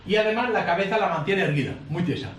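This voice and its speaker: High-voiced lecturer in a roomy hall. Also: male voice, lively intonation, fast talker, fairly bright tone, far from the mic, slight background noise. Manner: explains with frequent tag questions to the group. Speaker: course instructor. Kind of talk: lecturing a live workshop. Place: lecture room in front of an audience. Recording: roomy amateur recording from afar.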